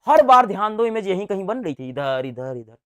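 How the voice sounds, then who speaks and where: A man's voice: high-pitched, sing-song, fairly quick, bright, forceful tone, smooth, no echo, studio quality. Playful man teaching with sound effects. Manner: playful, sing-song, mimics sound effects; repeats key words and quizzes the class. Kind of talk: science lecture to students.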